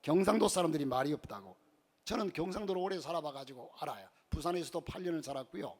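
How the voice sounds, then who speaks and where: A male pastor preaching a sermon in a church, mixing humorous stories into his message and swinging between loud and soft delivery. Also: a little high, expressive, quick pace.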